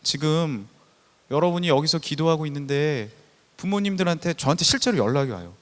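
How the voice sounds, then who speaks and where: A man in his thirties preaching a sermon, telling stories and swinging from soft passages to loud, emphatic ones. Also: a little high, animated, fairly quick. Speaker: pastor. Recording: long church hall reverb.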